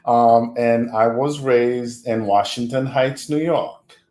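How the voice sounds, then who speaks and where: A man from Haiti, a guest on a podcast interview, talking in a slow, reflective way and chuckling often. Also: medium pitch, fairly even intonation, darkish tone, echoey room.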